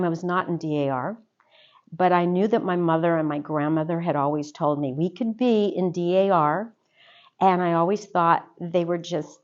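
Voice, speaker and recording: A woman from the US, an officer of an organization, answers interview questions casually, telling a warm, chatty story with fillers. Her voice is low and the lo-fi sound is dull.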